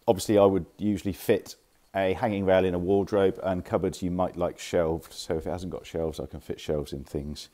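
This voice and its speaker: Low, mellow-voiced man walking through stock. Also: steady tone, moderate pace, few pauses. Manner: chatty, informal, self-correcting. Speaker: furniture dealer. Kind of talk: casual walkthrough of stock. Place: indoor furniture warehouse. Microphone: handheld phone camera.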